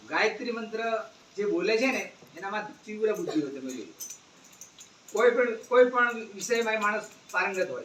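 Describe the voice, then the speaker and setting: Brief: male speaker, animated school talk that quizzes the kids; distant mic with faint background ambience. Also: high-pitched, roomy sound, a little hiss or hum. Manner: animated, asks the children questions. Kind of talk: moral talk to students. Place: school gathering.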